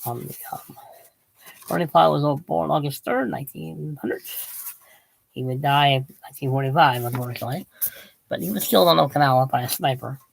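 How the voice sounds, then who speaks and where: Fairly high-pitched, brisk, and gravelly, this man is a channel host whose voice is giving out. He chats loosely about his books, starting sentences over and drifting away from the subject, in a dry, rough recording.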